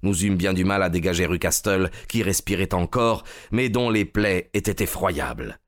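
Man reading a story out, measured and dramatic, lowish voice. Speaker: narrator. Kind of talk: scripted storytelling narration.

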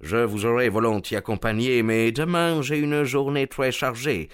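A man voicing a pushy male American lawyer who talks in an insistent, hurried, persuasive way. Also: medium pitch, fairly even intonation, clear, resonant tone, close to an everyday voice.

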